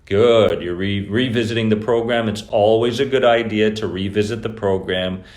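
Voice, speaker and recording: A man's voice: fairly low pitch, steady tone, normal speed, darkish tone. A man hosting a live stream about anxiety recovery, talking loosely to viewers and greeting them by name. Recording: echoey room.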